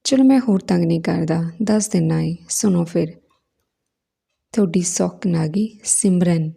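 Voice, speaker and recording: A woman's voice: lowish voice, a little slow, gravelly, mellow, breathy edge, exaggerated voice. A woman voicing a playful young man who teases his sister-in-law, in a storybook reading. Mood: teasing. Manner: teasing, playful.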